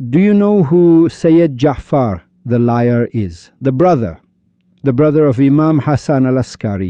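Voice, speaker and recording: A man's voice: mid-range voice, warm tone, dry recording. Iranian guy ranting about religion, upset, firing off questions n insults, dry muffled lo-fi sound. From Iran. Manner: scolding, insulting, rapid-fire rhetorical questions. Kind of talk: heated religious monologue. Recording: dull lo-fi recording.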